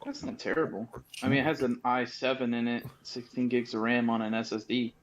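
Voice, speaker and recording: A man's voice: medium pitch, steady tone, brisk, lo-fi sound. A man in a casual voice chat, explaining tech tips in detail.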